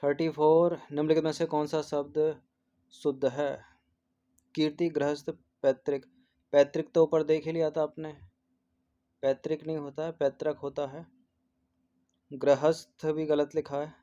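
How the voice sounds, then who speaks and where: Guy teaching spelling for an exam, flat monotone, warm dark voice, keeps repeating each word. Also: fairly high pitch, moderate pace, pauses often, highs cut off. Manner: mixes English numbers and terms into Hindi. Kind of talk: exam test-series answer walkthrough.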